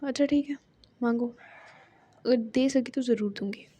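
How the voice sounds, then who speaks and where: A woman voicing a sharp-tongued, sarcastic young college woman in a storybook narration. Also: on the high side, lightly acted. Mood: puzzled. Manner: sarcastic, quick retorts.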